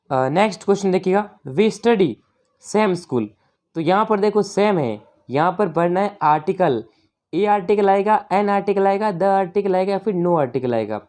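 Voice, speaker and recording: A woman tutor who works through an exam paper in a chatty way, keeps turning to her viewers and reads the English lines out slowly. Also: medium pitch, a little mellow. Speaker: online tutor.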